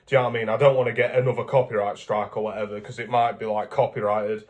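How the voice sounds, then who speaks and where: A man's voice: lowish voice, little pitch movement, fast. Chatty young Englishman vlogging. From England. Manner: rambling, chatty, self-correcting. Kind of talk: casual vlog talk.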